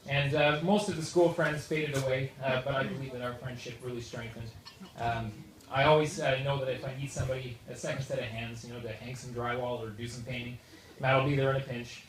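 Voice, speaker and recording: A Canadian man giving a humorous best man wedding toast in an informal, joking, halting way. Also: mid-range voice, steady tone. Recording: echoey noisy room, far from microphone. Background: loud audience noise and laughter.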